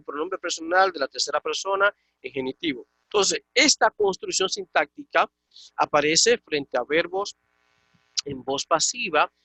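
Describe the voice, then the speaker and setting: A man from the Dominican Republic teaches an online Koine Greek class, explaining things patiently and checking in with his students. His voice is fairly high, pushed and bright with vocal fry, and the recording is dry.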